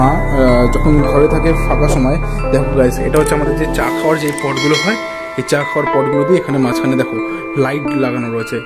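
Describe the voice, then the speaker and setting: A chatty young-sounding man talks his viewers through a family visit in a casual vlog. His voice sits a little high, and loud background music plays under it the whole time. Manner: chatty, addresses viewers as guys, mixes in English words. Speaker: vlogger. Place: family home and shop, indoors.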